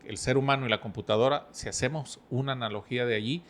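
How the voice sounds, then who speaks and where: A middle-aged man talks as a podcast guest. He speaks in a calm, measured voice at an ordinary pitch. He unpacks his ideas through personal stories and everyday analogies. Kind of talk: relaxed podcast conversation.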